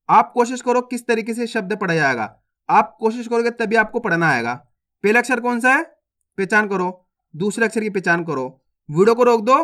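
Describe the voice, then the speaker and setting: A man teaching a reading lesson, sounding out words slowly syllable by syllable and quizzing viewers as he drills them. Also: sits high, fairly bright tone. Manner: slow, syllable-by-syllable, repetitive drilling; addresses viewers as friends, asks quiz questions.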